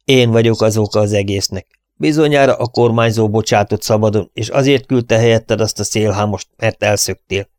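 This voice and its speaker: A man voicing an earnest, sorrowful young man who speaks quietly and resolutely, in an audiobook. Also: fairly low pitch, no room sound, clean studio sound, natural voice.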